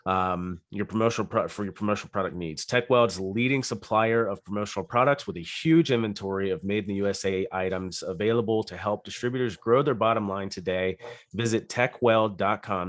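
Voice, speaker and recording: Guy hosting a podcast, kinda raspy from a cold, lowish voice, dry close mic, lots of uhs. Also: no echo. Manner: relaxed, filler-heavy, self-correcting. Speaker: podcast host. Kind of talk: casual podcast hosting with ad reads.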